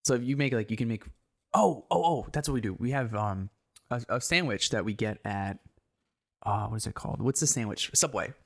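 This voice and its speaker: A woman's voice: very deep voice, expressive, a little fast, gravelly. A woman co-hosting a podcast in casual chat, explaining words with many fillers. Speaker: podcast co-host. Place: living in Japan.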